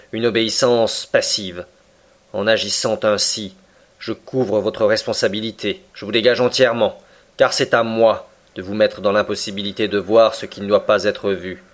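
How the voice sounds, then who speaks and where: Cold, commanding ship captain, low and grave, measured and unyielding, read by a man. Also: lightly acted. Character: cold, stern middle-aged male submarine captain. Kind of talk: audiobook reading.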